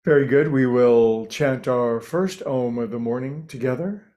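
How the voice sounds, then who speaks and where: Leading a meditation session, a male teacher speaks in a soft, calming manner with many pauses. His mid-range voice comes through a muffled recording.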